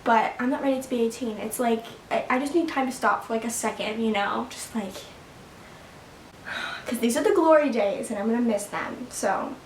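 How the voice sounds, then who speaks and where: In an echoey room with the mic placed at a distance, a seventeen-year-old girl sits and chats casually to her vlog viewers at home. Her fairly high voice moves at a moderate pace as she rambles, dropping fillers and little laughs, with a bit of hiss or hum underneath.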